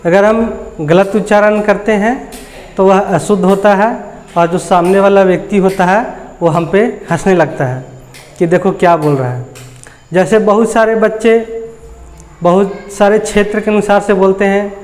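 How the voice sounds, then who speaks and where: A man's voice: sits high, steady tone, moderate pace, darkish tone. A man teaching a lesson, patiently repeating and spelling out examples. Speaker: Sanskrit teacher. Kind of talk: classroom lesson explanation. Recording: echoey room with long reverb.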